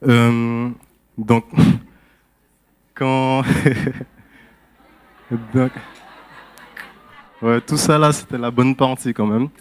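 A man's voice: medium pitch, flat delivery, very slow, pauses often, a little hiss or hum. A man from Guiana, giving a candid, hesitant personal testimony at a church service. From French Guiana.

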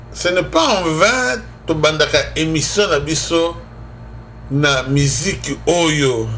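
On his religious radio broadcast, a preacher from the Democratic Republic of the Congo speaks with a Congolese accent, moving between two languages in an emphatic, conversational style. His voice is fairly bright and on the high side, with slight background noise.

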